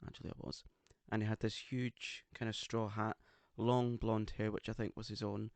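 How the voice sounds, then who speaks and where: A man's voice: on the low side, little pitch movement, moderate pace, creaky, a little mellow, no echo. A man co-hosting a casual podcast, with an English accent and a camp, theatrical, teasing way of talking. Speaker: podcast co-host. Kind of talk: casual chat. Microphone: studio microphone.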